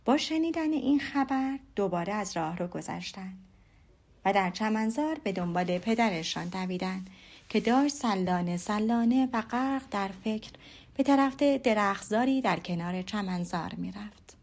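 A woman narrating an audiobook in a steady, measured storytelling voice. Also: medium pitch. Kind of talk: scripted narration.

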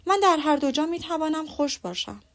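Easygoing young gentleman, read by a woman. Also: high voice, lively intonation, voice pushed up. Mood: breezy. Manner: breezy and agreeable. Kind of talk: audiobook reading.

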